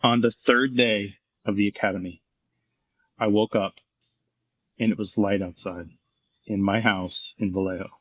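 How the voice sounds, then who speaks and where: A man's voice: lowish voice, steady tone, unhurried, pauses often, a bit bright, no room sound, lo-fi sound. A middle-aged man, a former firefighter and paramedic, telling his story frankly and intensely in an interview, swearing freely.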